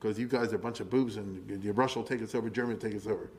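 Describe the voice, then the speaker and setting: A man's voice: fairly low pitch, steady tone, rapid-fire. A man lecturing informally on history to listeners, in a colloquial, rambling way, often checking that they follow. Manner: acts out paraphrased quotes in plain colloquial speech.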